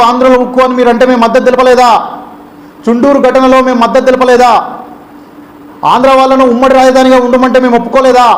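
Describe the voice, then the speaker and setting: Fiery high-voiced Telangana man. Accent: Telangana Telugu. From Telangana, India. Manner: heated, accusing, rhetorical questions. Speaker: student leader. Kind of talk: political speech to camera.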